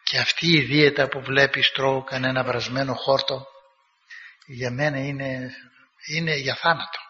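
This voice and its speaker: A man voicing an aged former senator turned hermit, speaking in a calm, measured, slightly lower voice. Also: natural voice. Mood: calm, reflective. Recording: dull recording with long hall reverb.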